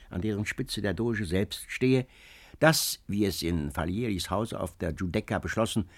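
A man reading a classic story aloud as narrator, expressive and measured. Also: fairly low pitch. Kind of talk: literary audiobook narration.

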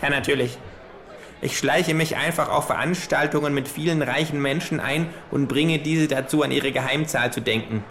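A man's voice: a little high, normal speed, a bit bright, slight background noise, voice pushed up. A man voicing a cheeky, scheming male kangaroo who talks in a dry, laconic, mocking way.

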